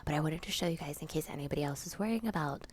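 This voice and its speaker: A woman's voice: low voice, racing, noisy background. A woman from Florida, a teacher, whispering through a casual home how-to vlog while sick and sniffly. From Florida, USA. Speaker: teacher and channel host. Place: at home in a dark room.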